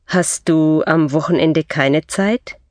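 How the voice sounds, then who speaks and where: A woman reading scripted textbook dialogue for a language course with slow, clear enunciation. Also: sits low, dry recording.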